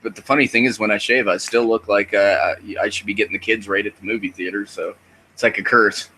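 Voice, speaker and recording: A man's voice: lowish voice, fairly even intonation, quick pace, sharp tone, a little hiss or hum, rough recording. A man in his thirties, a podcast host chatting casually in a rambling, profane, self-deprecating way. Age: 30s. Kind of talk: casual chat.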